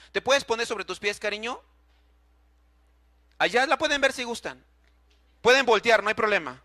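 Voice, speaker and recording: A middle-aged man stands before a church congregation and tells his own testimony. His voice sits high and sounds bright and forceful, and he acts out old conversations with strong feeling while turning to speak directly to the listeners. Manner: emotional, acts out dialogue, addresses the congregation. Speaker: church member giving testimony.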